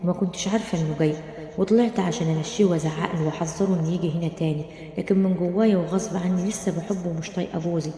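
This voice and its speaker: A woman's voice: on the low side, steady tone, rapid-fire, mellow, natural voice. Tearful young wife, read by a woman, Egyptian accent, pleading, reverberant room. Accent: Egyptian Arabic. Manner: pleading, weepy. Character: frightened tearful young wife, unhappy in marriage. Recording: roomy, long reverb.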